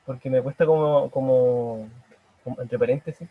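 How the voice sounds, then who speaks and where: A young man with a Chilean accent, a painter answering interview questions in halting, self-correcting casual talk over a video call. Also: medium pitch, fairly even intonation, narrow, tinny audio, slight background noise. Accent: Chilean Spanish. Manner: hesitant, halting, many restarts.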